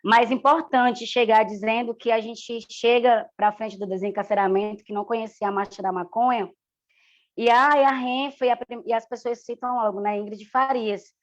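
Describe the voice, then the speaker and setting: A woman's voice: a little high, fairly even intonation, normal speed. Brazilian woman, activist on a live call, affectionate tone, slightly muffled audio. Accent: Brazilian Portuguese. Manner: affectionate, admiring. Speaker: activist co-presenter. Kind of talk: live-stream conversation.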